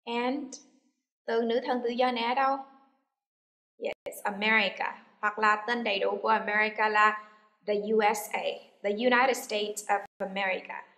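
A woman's voice: mid-range voice, fairly even intonation, a little slow. A woman teaching an English lesson to a class, explaining and then saying model words with strong stress for students to repeat. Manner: switches between explaining and loud, stressed model words for repetition. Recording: echoey room.

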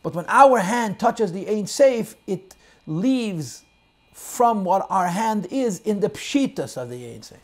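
A man's voice: sits high, animated, slow pace. Man teaching a Chassidic text class. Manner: explains in English mixed with Hebrew and Yiddish terms, varying emphasis; quotes and translates lines of text, swings loud and soft. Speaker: Torah teacher.

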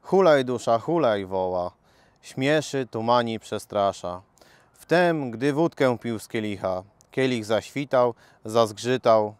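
A man's voice: medium pitch, slow pace, smooth, no echo. A man, a local resident, reading a ballad in a boisterous, rollicking way. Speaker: resident reader. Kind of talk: lively poetry reading.

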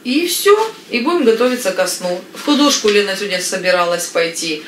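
A woman in her thirties from Ukraine chatting casually to camera in a family vlog, lively and talkative. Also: mid-range voice, brisk, roomy sound, a little hiss or hum. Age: 30s. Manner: chatty, lively, gestures with hands. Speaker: family vlogger. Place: living room with floral curtains, indoors.

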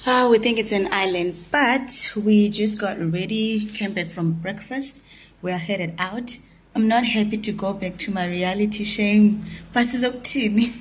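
Her medium-pitched voice is a little slow with a breathy edge as this young woman chats for a casual vlog. She speaks with a Southern African accent, mixing in Bantu-language words, from a small hotel room indoors. The handheld phone at arm's length picks up a noisy recording.

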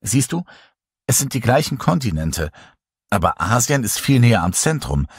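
A man's voice: mid-range voice, normal speed, breathy edge, dry recording, clean studio sound. A man reading a thoughtful woman scientist. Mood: earnest, puzzled. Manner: thoughtful, explaining calmly. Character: earnest, clever woman scientist.

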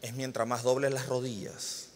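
A man in his thirties preaching a sermon, telling a family story with lively, animated delivery and sudden loud bursts. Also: mid-range voice, normal speed, long reverb tail, a little hiss or hum. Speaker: pastor. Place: church hall.

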